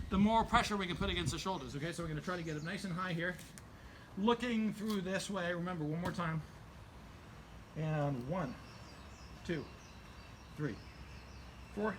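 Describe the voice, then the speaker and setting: A high-voiced man in his forties coaches exercise in a casual, encouraging way. He is recorded outside in a garden, with clear noise behind his voice. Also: a bit bright. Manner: encouraging, counts and cues. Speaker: fitness trainer hosting a workout video. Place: outdoor garden.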